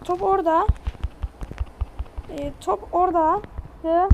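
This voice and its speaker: A woman giving casual gameplay commentary in an excitable, slangy way, loudly scolding her teammates. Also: very high voice, slow pace, dull audio, a little hiss or hum. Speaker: gamer streaming their own play.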